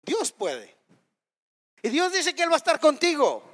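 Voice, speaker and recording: A man preaches with a strikingly high voice, delivering his sermon slowly and deliberately. He hammers his points home with repeated rhetorical questions. His voice rings out with a long reverb, as if in a hall. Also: wildly swooping pitch, a bit bright. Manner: impassioned, rhetorical questions, emphatic repetition.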